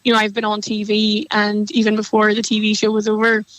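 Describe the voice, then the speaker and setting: A woman's voice: medium pitch, monotone, fairly quick, no room sound, low-quality recording. A woman, a political correspondent, speaking matter-of-factly on a radio discussion.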